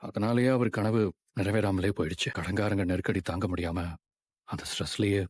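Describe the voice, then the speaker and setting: A man's voice: lowish voice, moderate pace, husky. A man playing a young heir who has lost his father and his wealth, speaking in a heavy, subdued way in a dubbed drama. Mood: despairing. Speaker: grieving son of a failed hotel owner.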